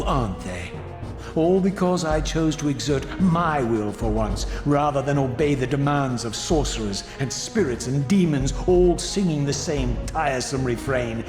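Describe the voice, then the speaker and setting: An actor playing a defiant, bitter undead wraith in a video game, speaking formally with proud scorn. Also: male voice, fairly high pitch, darkish tone. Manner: sardonic, scornful, theatrical formal speech. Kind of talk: dramatic video game voice acting. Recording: echoey hall reverb, music behind.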